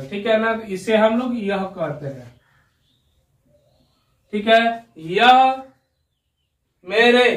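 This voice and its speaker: Man, high voice, slow patient teacher, quizzing the learner, echoey room, a bit far from the mic. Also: fairly bright tone. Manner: patient, keeps asking "ठीक है ना" and quizzing the learner. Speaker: Urdu teacher. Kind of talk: slow spelling lesson at a whiteboard. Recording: roomy echo, voice a little off-mic.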